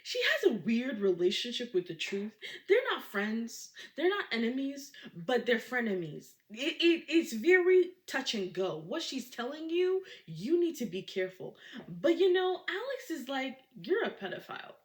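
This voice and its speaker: A woman recaps a thriller in a lively, dramatic way and keeps asking rhetorical questions. Her voice sits on the high side and swoops all over as she talks. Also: measured pace. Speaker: book recap creator. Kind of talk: casual book recap.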